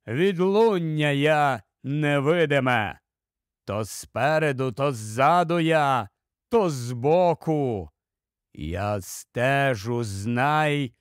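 A man voicing a mysterious enchanted book that speaks in riddles, slow, low and ominous. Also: clear, resonant tone, dry recording, clean studio sound.

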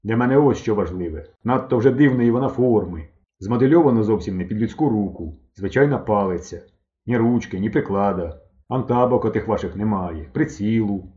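A man's voice: lively intonation, fairly quick, warm tone, lo-fi sound, lightly acted. A man reading aloud as a stern, caustic elderly woman doctor who speaks sharply and bitingly. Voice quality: hoarse bass voice.

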